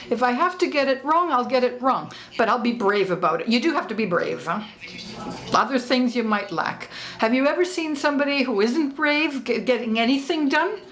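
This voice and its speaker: A woman speaks from a conference stage, giving a motivational talk. Her voice sits a little high, and she keeps it light and humorous, teasing the audience with rhetorical questions.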